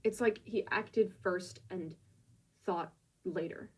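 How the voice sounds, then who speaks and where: Husky woman recapping a manga, musing, casual asides, mic sits kinda far off. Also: lowish voice, slow. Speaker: manga reviewer.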